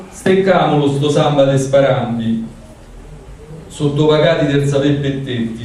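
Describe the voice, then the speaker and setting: A man's voice: fairly high pitch, darkish tone. A man with a Roman accent reciting his own poetry at a public reading, as a poet. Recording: echoey room, distant mic, noisy.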